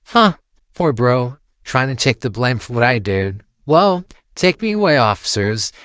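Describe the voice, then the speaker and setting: A man's voice: mid-range voice, expressive, measured pace, a bit bright, clean tone, no echo. Man playing a defiant teenage brother.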